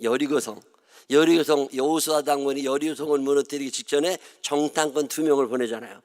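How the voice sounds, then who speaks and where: A man's voice: medium pitch, fairly even intonation, fast talker, a little mellow. A middle-aged man from Chungcheong province, speaking with a Chungcheong Korean accent, preaching a revival sermon as a pastor in folksy, joking storytelling. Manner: folksy, joking, mutters and mimics others. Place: church sanctuary.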